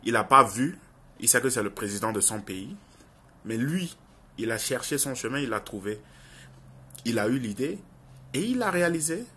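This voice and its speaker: A young adult online video commentator with a Francophone African accent gives an informal opinion monologue, earnestly and insistently repeating phrases for emphasis. His mid-range voice swings widely in pitch and is bright and forceful, with a breathy edge. He speaks at normal speed but pauses often.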